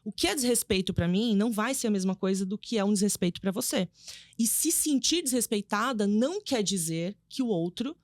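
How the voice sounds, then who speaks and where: A woman psychoanalyst talking casually on a podcast, explaining fast with lively emphasis. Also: medium pitch, dry recording, clean studio sound. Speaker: psychoanalyst guest.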